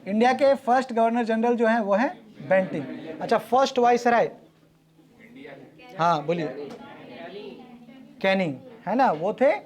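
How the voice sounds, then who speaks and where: Man, high voice, brisk classroom quiz teacher, echoes each answer back. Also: darkish tone. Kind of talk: classroom quiz, calling on students. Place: classroom with students.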